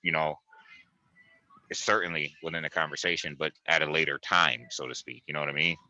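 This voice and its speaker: A man co-hosting a casual analytical discussion, speaking deliberately through a mask and often qualifying his points. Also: extremely low pitch, fairly even intonation, pushed and bright, low-quality recording. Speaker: talk show co-host.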